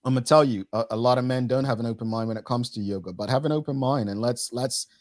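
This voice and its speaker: A man's voice: mid-range voice, fast talker, a little mellow, no echo, studio quality. A man hosting a casual daily talk show, upbeat, announcing giveaways and signing off. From Bermuda. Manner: upbeat, announcer-like sign-offs.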